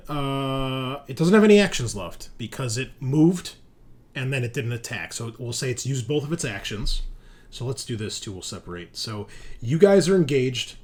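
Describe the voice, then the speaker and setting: On a home microphone during an online group call, with clear background noise, a game master casually leads a tabletop roleplaying session. He has a mid-range, slightly mellow voice.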